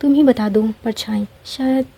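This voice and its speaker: A woman's voice: on the high side, normal speed, dark tone, husky. Kanha, a lazy, whiny young man, as a woman puts him on. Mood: grumbling. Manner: whiny and sarcastic. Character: lazy young man of twenty-five, a sleepy, grumbling teacher.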